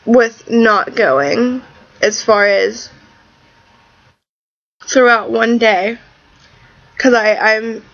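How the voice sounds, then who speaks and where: Higher-pitched woman, sore throat after tonsil surgery. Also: extremely slow, long pauses, a bit bright, dull audio. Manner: blunt, exasperated, emphatic. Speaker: vlogger. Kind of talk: casual personal video diary.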